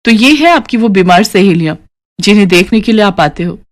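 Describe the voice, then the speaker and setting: A woman voicing a sharp, suspicious young sister-in-law in a cartoon story, speaking with accusing confidence. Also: mid-range voice, lively intonation, a little fast, close to an everyday voice.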